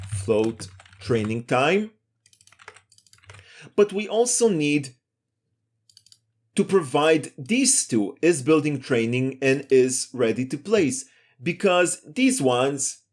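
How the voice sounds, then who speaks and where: In a screencast programming tutorial, a man explains things step by step in a methodical way. His voice is a little high and a little mellow.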